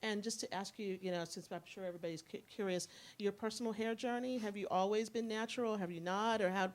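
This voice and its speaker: A woman's voice: medium pitch, steady tone, fast talker. A woman interviewing a guest at a symposium, asking long, thoughtful questions.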